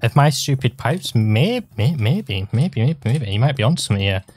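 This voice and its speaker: A man's voice: medium pitch, very animated, moderate pace, a little mellow, slightly rough. A young man with a teasing, joking manner, co-hosting a casual gaming session. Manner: teasing, joking, mock exasperated. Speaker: Let's Play co-host.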